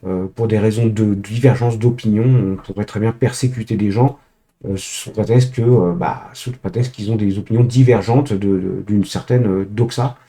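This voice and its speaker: A man's voice: fairly low pitch, fairly even intonation, normal speed, warm tone. A man presenting a screen-share tech tutorial, speaking to viewers directly, hesitant with many filler sounds and restarts.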